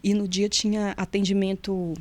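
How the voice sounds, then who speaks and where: A woman's voice: medium pitch, moderate pace, no room sound. A middle-aged woman, recounting memories in a casual interview and acting out the voices she quotes. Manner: lively storyteller who acts out quoted voices. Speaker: nutritionist and former prison officer, guest.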